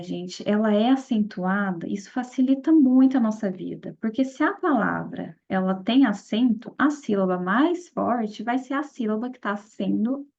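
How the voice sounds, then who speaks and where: Woman teacher with a gravelly voice. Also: on the high side, darkish tone. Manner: explanatory, checks in with listeners often. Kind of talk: exam-prep lesson. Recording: dull lo-fi audio.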